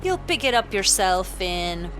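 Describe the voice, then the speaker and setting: A woman's voice: medium pitch, big pitch swings, measured pace, fairly bright tone, faint music behind. An actress playing a mocking female law officer in a video game.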